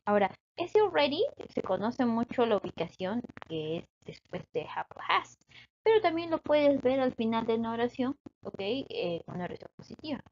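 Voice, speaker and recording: A woman teaches a grammar lesson in a fairly high voice, explaining patiently and pausing to make sure her students follow. The recording is dull and lo-fi. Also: big pitch swings, a little mellow. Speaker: English teacher.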